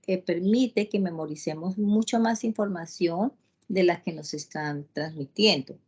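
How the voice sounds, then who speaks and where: A woman teaching an online class, talking slowly with many pauses, "eh" fillers and restarts. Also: on the low side, slightly rough.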